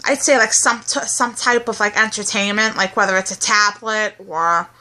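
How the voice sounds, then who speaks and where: Bright young woman reading out questions. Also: medium pitch, steady tone, normal speed. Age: 20s. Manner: reads out questions, chatty. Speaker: co-host. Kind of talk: casual chat.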